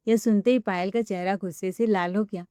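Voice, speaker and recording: A woman's voice: medium pitch, steady tone, brisk, mellow, clean tone, no echo. A woman telling a dramatic family story, narrating and acting out the dialogue. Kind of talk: scripted narration with acted dialogue.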